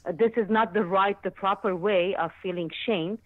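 A Lebanese woman in her fifties phones in to a radio show to tell a personal story, hesitating and often hunting for words. Her mid-range voice moves at a moderate pace, and the dry recording comes over a tinny, narrow phone line.

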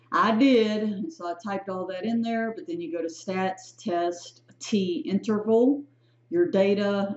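A statistics instructor walks through a recorded lecture in a low, darkish voice. She teaches in a chatty, self-correcting way, often checking in with "right?" and "okay?", and the room sound is echoey, dull, and lo-fi.

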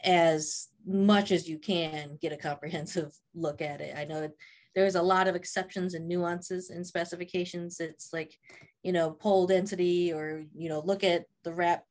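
Low-voiced woman moderating a panel. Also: steady tone, moderate pace, a little mellow. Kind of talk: casual webinar discussion. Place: office. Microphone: video call.

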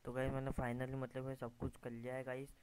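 A gaming YouTuber with a mid-range, clear, resonant voice talks briskly over his gameplay, constantly saying "guys," calling out to viewers and muttering at his own mistakes. It's a low-quality screen recording with steady noise.

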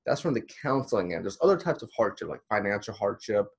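Man, thirties, from the Dominican Republic, lower register; counselor leading a friendly training slideshow. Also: very animated, fast talker, vocal fry, breathy edge. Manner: conversational, encouraging, with many fillers. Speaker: counselor teaching a course. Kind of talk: recorded slideshow lecture. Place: small indoor room.

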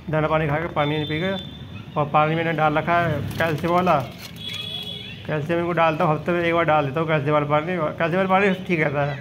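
A man's voice: on the high side, a bit bright, slight background noise, rough recording. A man vlogging from his rooftop pigeon loft, chatting to viewers as he points out his birds, filmed on a handheld phone. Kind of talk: casual filmed walkthrough.

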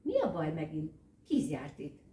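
A woman voicing a fierce, blustering dog who demands answers gruffly. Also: deep voice, wildly swooping pitch, warm tone. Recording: roomy echo, distant mic.

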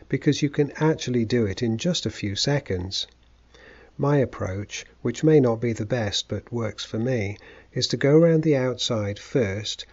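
A man's synthetic robot-like voice narrating a scripted screen-capture tutorial in a steady, methodical, instructional way. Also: medium pitch, dull audio.

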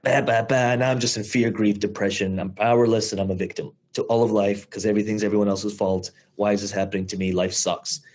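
A man in his thirties giving a motivational talk to investors, animated, swearing casually, speeding up and slowing down for emphasis. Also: on the low side. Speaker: host of investor mindset call.

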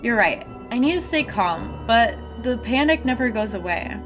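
A woman's voice: fairly high pitch, lively intonation, normal speed, close to an everyday voice. Woman voicing an earnest, anxious anime girl. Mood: worried, earnest. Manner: earnest, apologetic. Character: gentle, anxious young woman, anime game character. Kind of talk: reading visual novel dialogue aloud. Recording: game music behind the voice.

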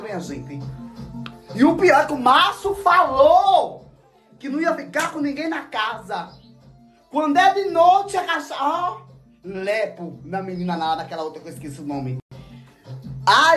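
A man's voice: extremely high pitch, fairly bright tone. A man in a casual phone story, talking straight to his viewers in a campy, dramatic, exclamatory way. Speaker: social media influencer.

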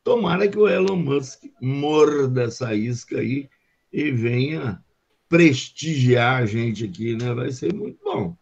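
A man's voice: medium pitch, expressive, slow pace, creaky, a little mellow, slightly rough, dull audio. An older man with a Brazilian Portuguese accent, a professor adding remarks on a video call, talking in a rambling way with many restarts. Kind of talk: casual online lecture discussion. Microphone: webcam on video call.

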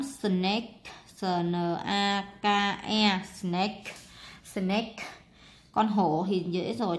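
A woman with a Vietnamese accent, a primary school English teacher, patiently walks young children through English worksheet exercises and spells words out letter by letter. Her voice is medium-pitched.

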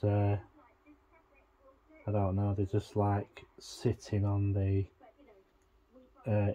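A man vlogging a casual tech walkthrough, thinking aloud in a halting, rambling way. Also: fairly low pitch, mellow, highs cut off.

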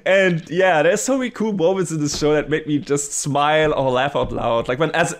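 A man with a slightly high voice talks at normal speed as co-host of a casual anime podcast. He reviews a show eagerly, rambling with plenty of restarts and fillers.

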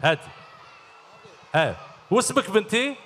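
A middle-aged man hosts a children's show on a large concert hall stage, quizzing the kids cheerfully in an Algerian Arabic accent. His high voice swings widely in pitch at normal speed and sounds pushed and bright. Through his handheld mic, the hall's long reverb comes through.

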